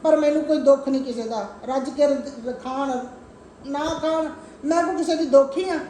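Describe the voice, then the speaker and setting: A woman's voice: sits high, normal speed, warm tone. An older woman with a Punjabi accent, the vlogger's mother, speaking plaintively and with grievance in a family conversation. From Punjab, Pakistan. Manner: plaintive and aggrieved, reminiscing. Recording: roomy, far from the mic, faint noise.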